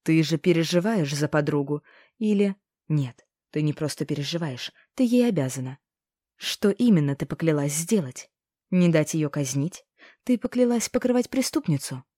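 A woman voicing a stern male inquisitor in an audiobook, speaking in a slow, measured, threatening way. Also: sits low, lively intonation, dark tone, no echo, clean studio sound. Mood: menacing. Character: stern menacing male inquisitor, mocking and cold. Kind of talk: audiobook character voice.

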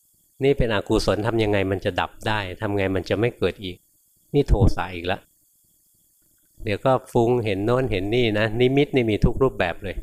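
A monk with a fairly low voice gives a Dhamma talk in an easy, conversational way. He explains patiently, softens his phrases with a gentle particle, and now and then voices the inner thoughts he describes. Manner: casual and explanatory, often tags phrases with a soft particle; briefly acts out inner thoughts in quoted asides. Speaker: Buddhist monk teacher.

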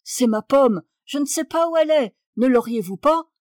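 A fluting-voiced society gentleman who keeps apologizing while pestering for favors, as a woman reader puts him on. His voice sits high and light, pressing forward with polite urgency. The recording is dry and close. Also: animated, normal speed, no echo. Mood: fawning.

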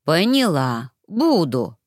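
A woman voicing a brisk, businesslike older neighbor woman in a storybook reading. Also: low voice, very animated, no echo, studio quality, exaggerated voice.

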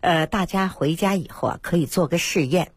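A woman traditional Chinese medicine doctor, giving a lively radio health talk and acting out her patients' words. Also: fairly low pitch, brisk, husky, dry recording. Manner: lively storytelling, acts out patients' quoted words. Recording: dry radio studio.

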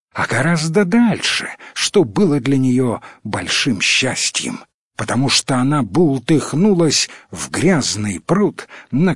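A man reading a storybook tale aloud with an expressive, unhurried delivery. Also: mid-range voice, husky, dry recording, studio quality. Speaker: narrator. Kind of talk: storybook narration.

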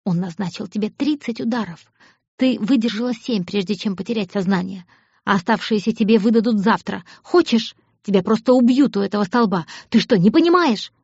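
A woman voicing a defiant, sharp-tongued young captive woman in an audiobook. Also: medium pitch, a little fast, breathy edge, dry recording, dull audio. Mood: angry. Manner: blunt, scornful.

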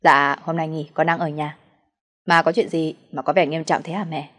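A woman's voice: sits low, flat delivery, moderate pace. A woman reading the part of an uneasy, evasive young husband in an audio story.

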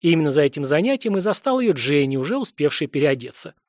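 A man's voice: fairly high pitch, very animated, fast, darkish tone, dry recording. Man narrating an audiobook, dry sound. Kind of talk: scripted narration.

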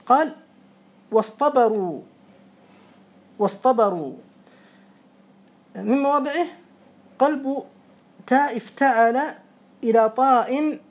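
Methodical teacher quizzing a student. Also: mid-range voice. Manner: methodical explaining, repeating examples and quizzing a student. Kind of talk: classroom lesson.

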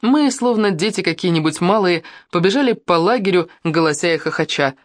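A male audiobook narrator telling a first-person story with an animated voice that rises and falls freely. The recording is dry and close, with no room sound. His delivery is expressive and engaged. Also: high voice, fairly quick, no echo.

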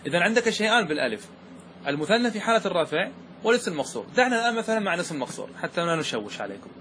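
Guy teaching grammar, kinda high voice, faint hiss behind, keeps quizzing the class. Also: sing-song, bright, forceful tone. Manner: asks students questions, slows to stress key words. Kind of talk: classroom lesson explaining verse.

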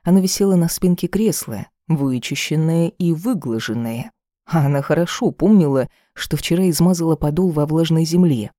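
A narrator giving an even, measured reading of a fantasy novel as an audiobook. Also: medium pitch, no room sound, clean studio sound.

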